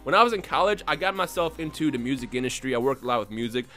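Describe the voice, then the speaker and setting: Fast, bright-voiced young man vlogging. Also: medium pitch. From Bosnia. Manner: excitable, rambling, many restarts. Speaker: YouTuber. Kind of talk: unscripted casual vlog talk.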